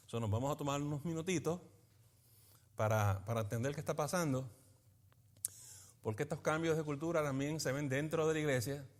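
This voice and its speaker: A man, a pastor teaching a Bible study in a lively preaching manner, often asking his listeners for agreement. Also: a little high. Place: church meeting in a school building.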